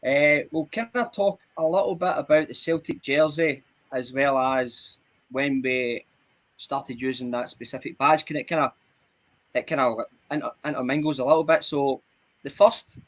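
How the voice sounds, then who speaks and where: A man's voice: medium pitch, steady tone, normal speed. A man co-hosting a podcast over a video call, talking informally and working through facts he has looked up. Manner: informal, says mate and bud, recounts researched facts. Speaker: podcast co-host. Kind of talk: casual podcast chat.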